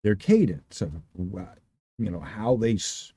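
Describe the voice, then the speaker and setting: A man hosting an unscripted stream, explaining things to his regulars in a rambling way, restarting his sentences often and thinking aloud, with a booming voice. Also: big pitch swings, a little slow, mellow, slightly rough, dry recording. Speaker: livestream host.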